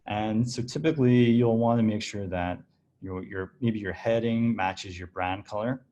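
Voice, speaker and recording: Relaxed low-voiced man demoing software. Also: moderate pace, muffled recording, a little hiss or hum. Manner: relaxed, explanatory, with frequent restarts and fillers. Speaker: design director giving a product demo. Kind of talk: screen-share software walkthrough.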